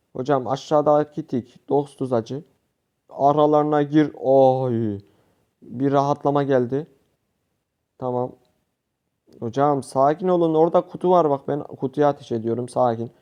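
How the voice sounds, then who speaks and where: Excitable young man commenting gameplay. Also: medium pitch, clean tone, muffled recording. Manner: animated, shouting at teammates, addresses viewers constantly. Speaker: gaming youtuber.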